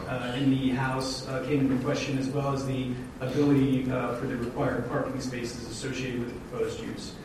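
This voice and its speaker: A man chairing a township public hearing, speaking in a halting, procedural way with many fillers. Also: medium pitch. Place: township meeting room. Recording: echoey room, far mic, noise.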